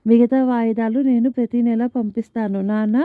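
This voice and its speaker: A woman voicing a sharp-tongued young married daughter who talks in a sarcastic, curt way. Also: on the high side, steady tone, normal speed, dry recording, lightly acted. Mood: pleading. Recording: tinny phone-like band, dry.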